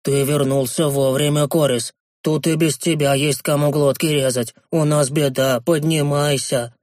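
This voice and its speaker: A man voicing a shaken male dwarf clan leader, speaking slowly and urgently. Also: a little high, fairly even intonation, darkish tone, dry recording, studio quality, lightly acted.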